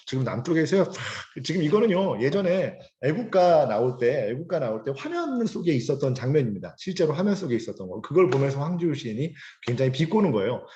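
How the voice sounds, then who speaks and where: A middle-aged man teaching a poem in a lively lecture, acting out sneering laughs and scolding voices. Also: medium pitch. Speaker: literature teacher. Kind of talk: poetry lecture. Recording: dull lo-fi recording.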